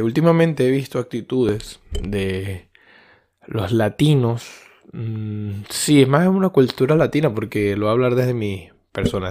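A Venezuelan man talks through a podcast episode on his own, loose and unscripted, circling back with fillers and half-finished phrases. His voice sits a little low for a man. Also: darkish tone. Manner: loose and rambling, many fillers and restarts. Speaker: podcast host. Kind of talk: casual monologue.

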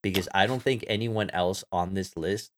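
A man's voice: low voice, normal speed. A man co-hosting a podcast in casual chat, rambling along with plenty of fillers. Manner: relaxed, rambling, lots of "like" and "um". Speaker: podcast co-host.

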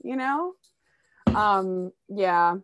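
A woman's voice: medium pitch, lively intonation, extremely slow, background noise. A woman in her thirties co-hosting a podcast over a video call, chatting casually with lots of fillers and giggles. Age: 30s. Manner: giggly, rambling with many fillers. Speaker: podcast co-host. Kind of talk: casual chat. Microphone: home mic on video call.

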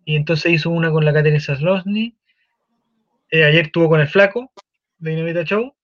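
A Chilean man hosting a casual talk show, animated and swearing as he tells a story. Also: a little high, fairly quick, dry recording, highs cut off.

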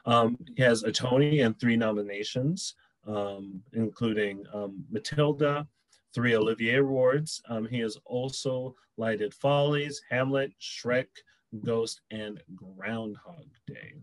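A young man co-hosting a casual chat show, reading out nominees and reacting with loud cheers. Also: mid-range voice, takes it slowly, rough recording. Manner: excitable, cheers and whoops loudly. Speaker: podcast co-host.

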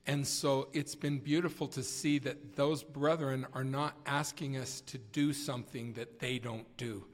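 Male panel guest, mid-pitched storyteller, animated, reverberant hall sound. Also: unhurried. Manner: lively, acts out quoted voices. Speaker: church leader and panel guest. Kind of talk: warm anecdotal storytelling. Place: conference hall. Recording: long reverb of a large hall.

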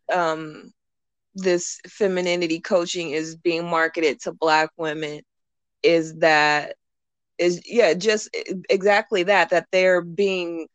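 A woman's voice: fairly low pitch, fairly bright tone, smooth, no room sound. A woman hosting a podcast, talking in an informal, conversational way. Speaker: podcast host. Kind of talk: casual podcast interview.

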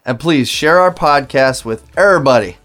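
Male co-host, mid-pitched, upbeat persuasive sign-off, faint music underneath. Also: expressive, moderate pace, fairly bright tone. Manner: upbeat, persuasive call to action. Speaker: podcast co-host. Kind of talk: podcast sign-off and listener appeal.

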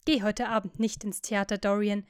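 A woman's voice: medium pitch, flat delivery, normal speed, smooth, dry recording, studio quality, lightly acted. A woman voicing an earnest male painter who pleads and insists. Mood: pleading.

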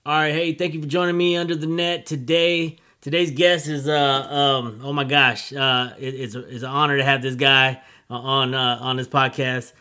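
A middle-aged man hosting a casual podcast interview, friendly and halting with many fillers. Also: medium pitch, level tone, sharp tone, clean tone. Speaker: podcast host.

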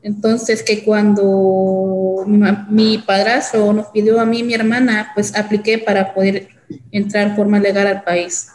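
A young woman from El Salvador, telling her own story as an interview guest in a halting way, with many fillers and restarts. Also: medium pitch, flat delivery, darkish tone, echoey room, soft background music, poor audio. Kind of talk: hesitant personal testimony.

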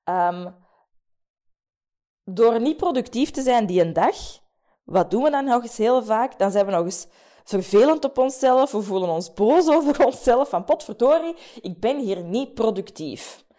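A young woman hosting a podcast, talking through a self-coaching method with many fillers and pauses. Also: a little high, animated. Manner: warm, hesitant, many fillers. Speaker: podcast host. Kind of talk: casual coaching monologue.

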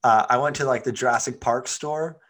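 A man's voice: medium pitch, a little fast, a bit bright. A man co-hosting a podcast, chatting casually, laughing often and wandering into anecdotes. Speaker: podcast co-host. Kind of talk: casual chat.

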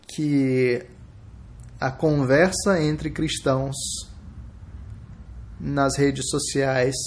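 A man with a Brazilian Portuguese accent hosting a live podcast, thinking aloud in a reflective, halting way. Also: mid-range voice. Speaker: podcast host.

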